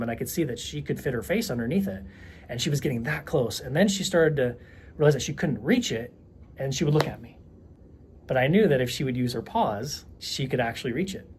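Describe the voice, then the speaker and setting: A man in his thirties tells personal stories as a vlogger, speaking earnestly and directly to his audience. His voice sits in an ordinary middle pitch, with a faint noise bed underneath. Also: low-quality recording. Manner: earnest, conversational, addresses viewers directly. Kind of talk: reflective personal storytelling to camera.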